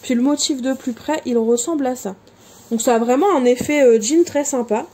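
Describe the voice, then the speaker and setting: A woman's voice: high voice, moderate pace, dark tone. A woman showing her craft supplies in a casual vlog, chatty, with lots of fillers and self-corrections. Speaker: crafting vlogger. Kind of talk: casual show-and-tell vlog.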